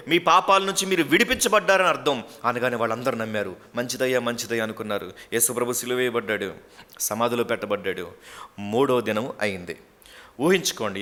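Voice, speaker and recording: Bright-voiced storytelling pastor, man. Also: medium pitch. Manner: animated storyteller, acts out characters. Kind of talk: sermon.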